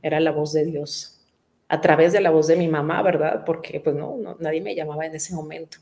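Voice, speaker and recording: A woman's voice: sits low, fairly even intonation, a little fast, a little mellow. A middle-aged woman, a pastor, telling her life story in an earnest conversational way, often repeating herself and asking "right?". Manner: earnest storytelling with frequent "¿verdad?" tags and repetitions. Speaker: pastor and businesswoman, interview guest. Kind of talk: personal testimony in conversation.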